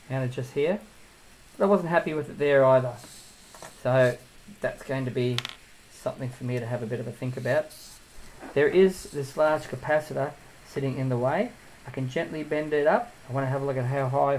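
A man's voice: medium pitch, slight background noise, rough recording. A man giving a casual hands-on tutorial as he builds a drone, thinking aloud and drifting into asides.

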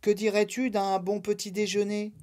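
A woman voicing a gentle, patient female spirit of the Night, soft and coaxing. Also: mid-range voice, monotone, moderate pace, voice pushed up, lightly acted.

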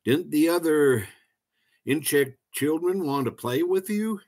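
A man's voice: a little high, lively intonation, takes it slowly, darkish tone, voice pushed up, exaggerated voice. A man voicing a caring father mantis. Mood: concerned.

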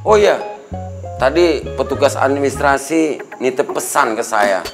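A man's voice: medium pitch, expressive, close to an everyday voice. An actor playing a fussy middle-aged male lecturer who scolds his students and hurries them along. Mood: scolding. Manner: blustery, scolding, quick to doubt. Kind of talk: sitcom acting. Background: background music.

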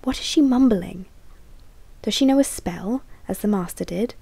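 A woman reading an audiobook, voicing a menacing raven creature that taunts and demands in a sharp, raised voice. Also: medium pitch, normal speed, gravelly, dry recording. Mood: demanding. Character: shrill menacing raven creature, hunting and gloating. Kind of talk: audiobook character voice.

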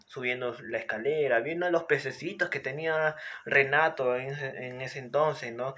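A man's voice: mid-range voice, bright, forceful tone. A man casually talking through a novel's plot, full of filler words and restarts. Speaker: book reviewer. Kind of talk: casual spoken book analysis.

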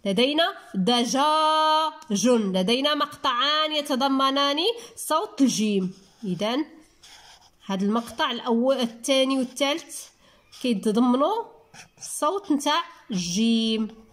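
High-voiced Moroccan woman teaching syllables. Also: animated. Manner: drawn-out, syllable-by-syllable word spelling. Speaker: primary school teacher. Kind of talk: reading lesson for young children.

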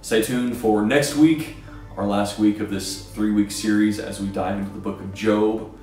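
A man's voice: lowish voice, moderate pace, recorded from a distance. Male church presenter, 30s, casual, roomy off-mic sound, faint music. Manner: relaxed, gesturing, fillers. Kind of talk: casual video talk. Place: small indoor room.

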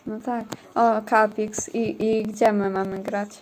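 A woman's voice: medium pitch, little pitch movement, takes it slowly, slight background noise. A woman streaming a game, chatting casually with her viewers and teammates as she plays. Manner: chatty, talks to chat and teammates. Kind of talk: casual livestream chat while gaming.

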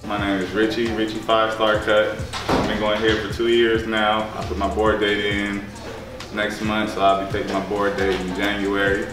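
A man's voice: on the low side, completely flat delivery, normal speed, over music. A young man who is a barber student, talking in a laid-back way with casual slang in a school room. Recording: echoey room from a distance.

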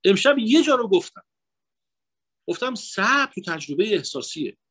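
A man giving a religious lecture that blends psychology with sermon, swinging between raised emphatic phrases and hushed asides in a lively, emotional address to the audience. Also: high voice, slightly rough. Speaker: guest lecturer at a religious mourning night.

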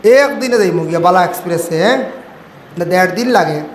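A man with a Sylheti Bengali accent preaches in a high, ringing voice, sliding into a sung chant and leaping up in sudden cries. His voice bounces around a reverberant sermon PA, and a faint hum of open-air ambience sits beneath it. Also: lively intonation, a little fast. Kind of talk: Islamic sermon.

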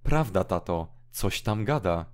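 An eager little child full of wonder, as a man reading the play puts him on. The voice is pushed up high and asks questions excitedly, over a speaker who is naturally deep and slow. It is an audiobook drama reading.

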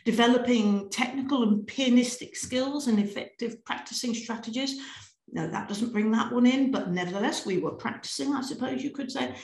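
A British woman leading a piano teachers' webinar, lively and encouraging, singing and chanting rhythms as she demonstrates. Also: fairly high pitch, echoey room.

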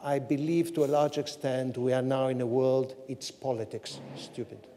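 A man's voice: mid-range voice, steady tone, moderate pace, mellow, slight background noise. An older man on a studio stage, answering as a panelist in an emphatic, gesturing way. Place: studio stage, seated in chair. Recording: stage reverb, faint ambience.

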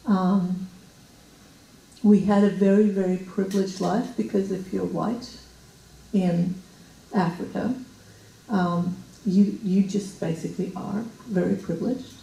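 An older woman from Ethiopia, a guest talking in a measured, reflective way with hesitations into a handheld mic on a small stage. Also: mid-range voice, fairly even intonation, creaky, mellow, distant mic. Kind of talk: interview conversation. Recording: roomy hall sound from afar.

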